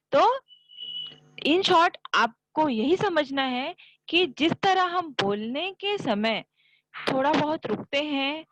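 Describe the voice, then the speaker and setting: A woman's voice: high-pitched, noisy background. A woman teaching a school grammar lesson, patiently explaining step by step with examples.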